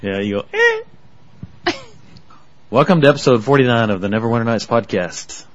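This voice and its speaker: A man co-hosting a podcast in a relaxed, casual chat. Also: medium pitch, moderate pace. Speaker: podcast co-host. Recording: dull lo-fi podcast audio.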